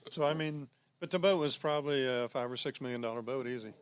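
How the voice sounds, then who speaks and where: A man who is a guest on the show tells relaxed, easygoing anecdotes in casual conversation. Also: medium pitch, quick pace, smooth, dry recording.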